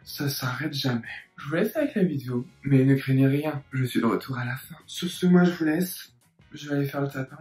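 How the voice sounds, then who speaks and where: A man's voice: fairly high pitch, lively intonation, a little fast, soft background music. Theatrical French makeup vlogger, a man. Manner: theatrical, self-mocking, dramatic. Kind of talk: casual makeup tutorial chat.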